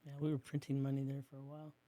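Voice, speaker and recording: A man, a business co-owner, telling a rambling story in an interview and acting out quotes in a hushed voice. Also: medium pitch, monotone, very fast. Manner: rambling, with many restarts and fillers.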